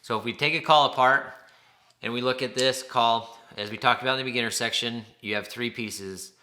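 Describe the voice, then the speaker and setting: Bright, forceful-voiced man teaching hands-on. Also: mid-range voice, fairly even intonation, fairly quick. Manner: plain-spoken, informal step-by-step explaining. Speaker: instructor. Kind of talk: hands-on instructional demonstration.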